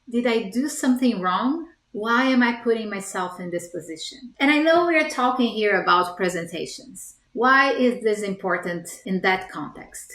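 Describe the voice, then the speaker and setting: A woman's voice: mid-range voice, a bit bright. Brazilian woman vlogging in an echoey room. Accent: Brazilian Portuguese. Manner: earnest, conversational, direct questions to viewer. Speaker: storytelling coach. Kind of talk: scripted talking-to-camera vlog.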